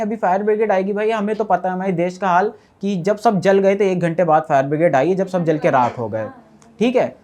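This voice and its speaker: A man who survived a fire, giving an earnest, rambling eyewitness account to an interviewer with many fillers. He often drops to a quieter voice as he recounts it. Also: sits high.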